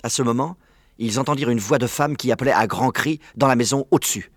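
A man narrating a children's story aloud in a clear, measured way. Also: medium pitch, no echo, studio quality. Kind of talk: audiobook narration.

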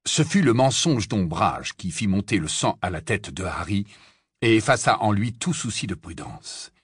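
A man reading a fantasy novel aloud as an audiobook narrator, with expressive storytelling. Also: lowish voice, normal speed, breathy edge, no room sound, studio quality. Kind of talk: scripted narration.

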